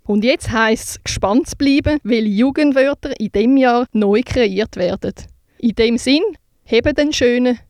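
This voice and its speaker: A woman's voice: a little high, measured pace, darkish tone, dry recording, clean studio sound. A young woman presenting a scripted youth radio segment in an upbeat, read-aloud way.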